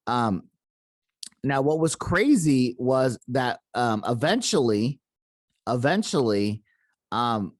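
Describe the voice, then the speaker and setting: A man's voice: mid-range voice, animated, slow pace, long pauses, dry recording, clean studio sound. A man hosting a podcast, retelling a paranormal encounter in a casual, rambling way with many fillers and restarts. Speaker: podcast host.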